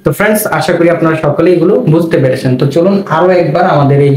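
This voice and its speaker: In a pronunciation and spelling lesson, a man who teaches Bengali repeats each sound twice and asks the listener questions. He talks very fast in a slightly mellow, fairly high voice; the audio is roomy with faint background noise.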